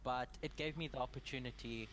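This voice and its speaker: A young man from Zimbabwe leading a prayer and a Bible study, speaking in short measured phrases with pauses for an interpreter. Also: mid-range voice, steady tone, fairly bright tone, slight background noise. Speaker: guest Bible study presenter.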